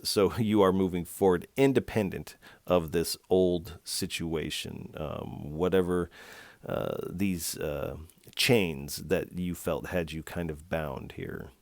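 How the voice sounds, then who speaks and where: A man giving a tarot card reading, talking gently and reflectively straight to the viewer. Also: sits low, dry recording. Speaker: tarot reader.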